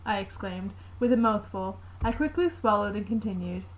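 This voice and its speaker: A woman narrating a fanfiction aloud in the first person, with a steady, plain reading. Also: medium pitch, moderate pace, rough recording.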